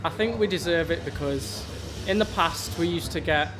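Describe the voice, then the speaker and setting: A man's voice: fairly high pitch, normal speed. A man talking conversationally in an interview. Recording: music and traffic behind.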